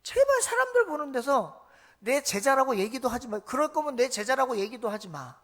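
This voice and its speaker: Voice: mid-range voice, lively intonation, normal speed, fairly bright tone. A preacher voicing a blunt scolding teacher. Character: Jesus scolding his bickering disciples, blunt and colloquial.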